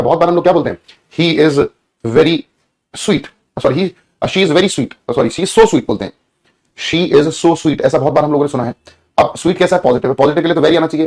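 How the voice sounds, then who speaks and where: A man's voice: on the high side, a little mellow, husky. A man teaching an English grammar lesson, repeating points and asking students questions. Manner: repetitive, asks students questions, stretches words when dictating. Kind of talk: exam-prep grammar lesson.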